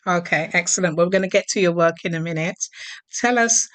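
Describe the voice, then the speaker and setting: A woman hosting an interview podcast, speaking in a measured, formal manner. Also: lowish voice, a bit bright. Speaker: podcast host.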